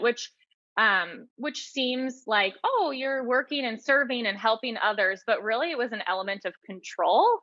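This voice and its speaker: An author and teacher appearing on a podcast, this woman of 30 or older talks reflectively and earnestly about her own life. Her mid-range voice is pushed and bright, captured in a dry, muffled recording.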